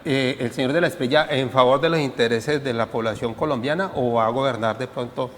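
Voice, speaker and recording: A man speaking on a political talk show, laying out his argument in a measured way with frequent hesitations. The recording has a long hall reverb and a faint hiss of background noise. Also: mid-range voice, fairly bright tone.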